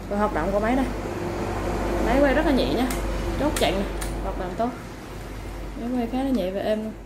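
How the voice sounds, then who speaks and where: A woman seller giving a polite, informal product sales pitch, going item by item with repeated stock phrases. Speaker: online seller of used fishing reels. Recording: clearly noisy background ambience.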